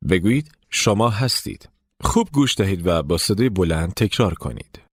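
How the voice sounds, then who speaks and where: A man's voice: sits low, animated, breathy edge, no room sound. A man giving scripted lesson narration, explaining step by step and prompting listeners to repeat after him. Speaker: English teacher narrating the course.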